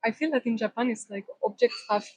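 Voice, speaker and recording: A woman from northern Spain, giving thoughtful, measured answers as a tourist in a street interview. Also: a little high, darkish tone, no room sound, poor audio.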